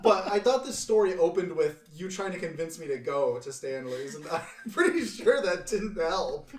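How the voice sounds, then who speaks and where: A man's voice: a little high, animated, moderate pace, crowd noise. Laughing, teasing man in a roomy space. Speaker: podcast co-host. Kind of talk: casual chat.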